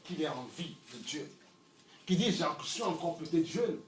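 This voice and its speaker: A middle-aged man preaching a sermon, swinging from loud shouts to low murmurs and repeating words as he searches for them. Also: very animated, unhurried, a little hiss or hum. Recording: echoey room, mic from far off, faint ambience.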